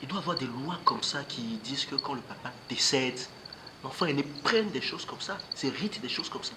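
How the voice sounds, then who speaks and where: A man's voice: mid-range voice, lively intonation, brisk, background noise, lightly acted. A man playing an eldest son who clicks his tongue in an indignant way. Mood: scornful. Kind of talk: amateur drama acting.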